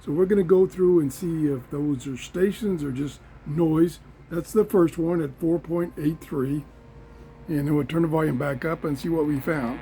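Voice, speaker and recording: A man giving a casual hands-on radio demonstration, halting and thinking aloud as he goes, in a room at home. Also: fairly high pitch, steady tone, dark tone, rough recording. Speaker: host of a radio review channel. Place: small indoor garden room at home. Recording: clear background noise, radio static.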